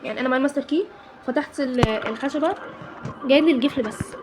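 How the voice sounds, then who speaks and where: Her voice is high-pitched and racing: a young Egyptian woman with an Egyptian Arabic accent who makes gaming videos, talking to her audience as she plays a horror game, jumpy and exasperated. Loud noise and clicking fill the background.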